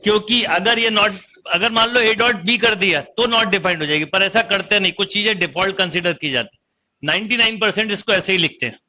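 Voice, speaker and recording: Guy teaching math, high really bright voice, keeps asking the class questions, kinda dull lo-fi sound. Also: brisk. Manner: explains step by step, quizzing students. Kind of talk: online exam-prep lecture.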